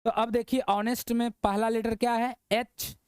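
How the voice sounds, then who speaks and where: A man's voice: extremely high pitch, flat delivery, normal speed, a little mellow, clean tone, dry recording, studio quality. A man teaching an English grammar lesson to students. He repeats his points, keeps asking the viewer questions and checks in with "है ना". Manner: repetitive, checking in with "है ना" and quizzing the viewer. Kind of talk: classroom-style lesson.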